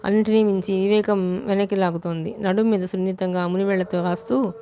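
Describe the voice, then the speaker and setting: A woman narrating a novel as an audiobook in a steady, unhurried reading style. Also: medium pitch, a little hiss or hum.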